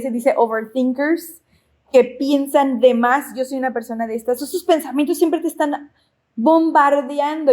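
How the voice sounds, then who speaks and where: A high-pitched woman preaching from the pulpit. She is middle-aged and delivers her sermon expressively, checking in with the congregation through frequent questions. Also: darkish tone. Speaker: pastor.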